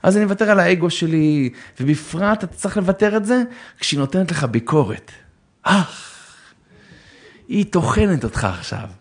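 A man with a high voice gives theatrical, animated religious advice on marriage and relationships, with slight background noise. He acts out both sides of arguments, bursts into shouts, and warmly calls his listeners brother.

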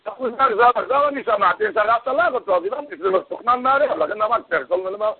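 A man giving a storytelling sermon, animated, his voice leaping high whenever he acts out the people in his story. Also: breathy edge. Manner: animated storytelling, voice jumping high for quoted characters. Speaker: rabbi giving a Torah talk. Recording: tinny phone-like radio broadcast.

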